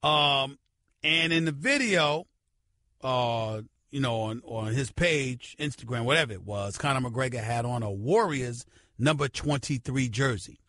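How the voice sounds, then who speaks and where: A man's voice: medium pitch, a little slow, sharp tone, no room sound, studio quality. A middle-aged man hosting a sports talk radio show, arguing his points with emphatic, preacherly repetition. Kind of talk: sports talk radio commentary and host-read ad.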